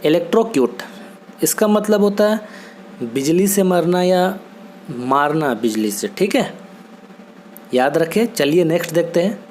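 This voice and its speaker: A man teaches vocabulary at an unhurried, patient pace. He repeats each word and keeps asking whether it is understood. A faint hiss runs under his voice. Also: on the high side, animated, darkish tone. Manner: patient, repetitive, checks in with "theek hai?". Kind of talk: Hindi-language vocabulary lesson.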